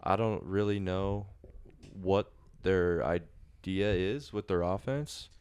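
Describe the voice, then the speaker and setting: A low, smooth-voiced man hosts a casual sports podcast. He talks bluntly and swears freely about teams and bets. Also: takes it slowly, darkish tone. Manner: profane, blunt. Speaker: podcast host.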